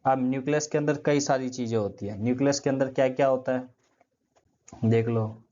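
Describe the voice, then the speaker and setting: A man's voice: mid-range voice, fairly even intonation, fairly quick, mellow. A man giving a classroom lecture, asking questions and answering them himself, repeating key terms and using everyday comparisons. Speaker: teacher. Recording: dull lo-fi sound.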